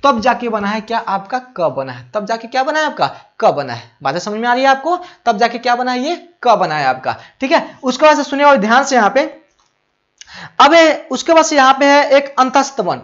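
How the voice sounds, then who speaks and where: A man teaching grammar for a board exam speaks fairly quickly in an extremely high, slightly bright voice with big pitch swings. He keeps questioning and answering himself, speaks to students with affection, and checks they follow, all on muffled lo-fi audio.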